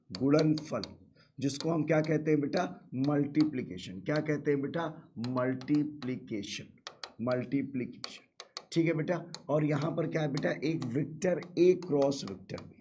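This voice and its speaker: A man with a sore throat teaches a live online math class in a fairly high voice. He keeps firing questions at his students and calling them "beta". Faint background noise sits under the voice. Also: normal speed, darkish tone.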